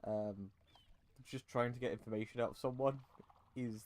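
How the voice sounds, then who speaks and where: A man's voice: mid-range voice, fairly even intonation, moderate pace, darkish tone. A man hosting a let's play with casual commentary and impatient, sweary asides.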